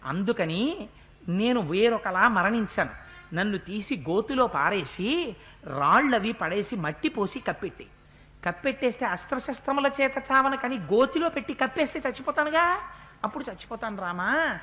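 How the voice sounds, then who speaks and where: A man voicing a defeated male demon who pleads quietly and humbly in a low, hushed voice during a spoken religious discourse. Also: expressive, moderate pace. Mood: subdued pleading.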